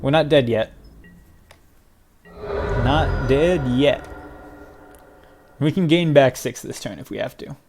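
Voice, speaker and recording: Excitable man doing gameplay commentary. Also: medium pitch, a little fast, creaky, hardly any pauses, music in the background. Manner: excitable, swings from mutters to loud cries and laughter. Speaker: gaming video creator.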